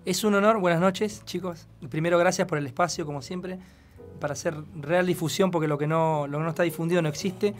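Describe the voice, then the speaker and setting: A man's voice: on the high side, steady tone, a little fast. An Argentine-accented man talks as a guest in a casual radio interview, earnest and wordy, on a close studio mic. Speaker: guest musician. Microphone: close studio microphone. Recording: faint music behind.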